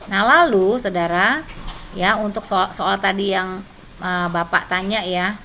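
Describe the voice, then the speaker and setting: A woman's voice: mid-range voice, a little slow, sharp tone, a little hiss or hum. A woman leading a church training session online, teaching and sharing personal testimony conversationally, often tagging her sentences. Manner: conversational, frequent tag questions.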